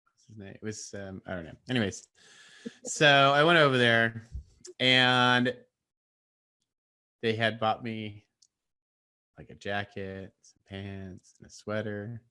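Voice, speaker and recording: A man's voice: fairly low pitch, slow, pauses often, sharp tone, clean tone. A man co-hosting a live online talk show, telling rambling stories in a laid-back, casual way. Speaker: co-host. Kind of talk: casual chat.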